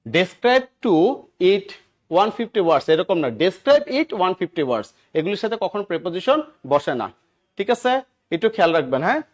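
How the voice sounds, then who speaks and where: A man with a Bangladeshi Bengali accent leads an exam-prep English lesson, with a high, bright-sounding voice. He drills his students and checks in with them again and again, repeating key words so they stick. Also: very animated, normal speed. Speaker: English teacher. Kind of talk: classroom lecture.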